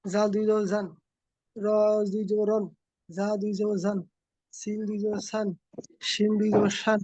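A man student reciting letter drills in a steady, even way for his teacher. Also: sits high, a little slow, no room sound, poor audio.

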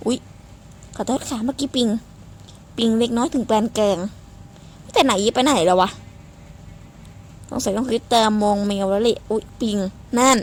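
A woman giving casual gameplay commentary, excitable and playfully swearing, squealing at her game. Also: a little high, moderate pace, pauses often. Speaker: game streamer.

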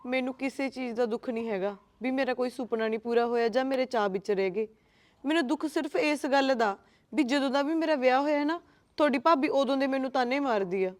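An actress with a Punjabi accent playing a young wife who eloped, speaking quietly and earnestly about the taunts she suffers. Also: high-pitched, quick pace, natural voice. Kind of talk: Punjabi short-film acting.

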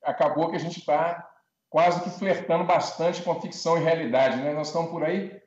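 A man's voice: on the high side, fairly even intonation, moderate pace, a little mellow. A middle-aged Brazilian man with a Brazilian Portuguese accent, hosting a live online talk show in a chatty, welcoming way over a video call from a room at home. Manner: welcoming, chatty, frequent tag questions. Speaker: host. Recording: roomy, dull video-call audio.

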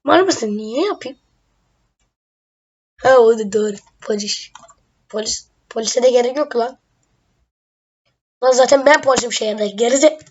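High-voiced woman joking through a game. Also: unhurried, long pauses, husky, highs cut off. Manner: playful, swears jokingly and laughs often. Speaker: gamer. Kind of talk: casual game commentary.

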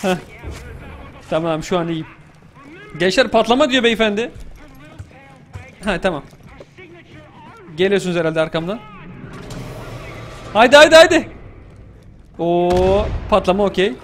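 A young man casually commenting on his gameplay, joking around and shouting excitedly at the action. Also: high-pitched, normal speed, long pauses, a little hiss or hum. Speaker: gaming YouTuber.

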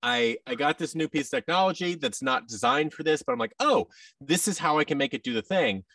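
An audio drama creator in his thirties, guesting on a podcast via video call from an indoor room, chats casually and performs quoted exchanges with animation. His voice is a little high and fairly quick. He seems far from his boom-arm microphone with headset, and there's no echo.

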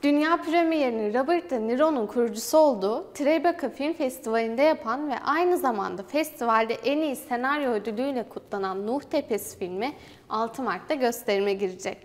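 A young woman presenting film news for university television, reading a script in a formal, even way. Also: fairly high pitch, a little fast. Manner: even, formal read-aloud delivery. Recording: hall reverb.

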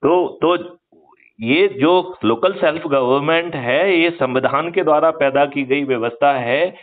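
Over a muffled, narrow-band phone line, an older man with a somewhat high voice speaks unhurriedly about politics. A retired police officer and activist, he lectures emphatically and persuasively, often asking rhetorical questions to win agreement.

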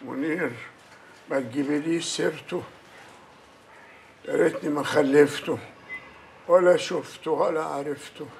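A man's voice: a little high, fairly even intonation, normal speed, vocal fry, long pauses, darkish tone, slight background noise. An actor playing a bitter older father in a hospital bed, speaking with an Egyptian Arabic accent and a grumbling, resentful manner.

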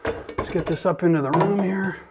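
This casual DIY walkthrough features a middle-aged man at normal speed, his high voice competing with heavy background noise. Showing off work in a stripped-out bathroom, the renovation channel host keeps things upbeat and talkative, with plenty of laughter and swearing.

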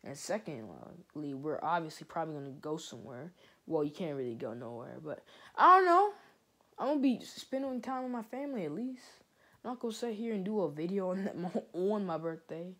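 A teenage boy runs a gaming channel and vlogs from his small bedroom, holding a phone camera close. His high, sing-song voice is brisk and fairly bright, though unsteady enough to crack now and then. It's a rambling, casual vlog, stuffed with "like" and wandering off topic.

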